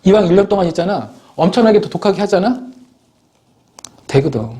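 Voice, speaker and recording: A man's voice: high-pitched, lively intonation, fairly quick, mellow. A middle-aged male teacher giving a motivational talk to exam students, stammering and restarting often while acting out students and parents in quoted voices.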